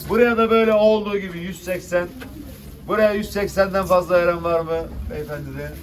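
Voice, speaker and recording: Casting: male auctioneer, high voice, chanting bids to buyers, picked up from a distance. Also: fairly even intonation, fairly quick. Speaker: fish auctioneer. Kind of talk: auctioneer calling out bids to a crowd. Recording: distant noisy mic with clicks, birds.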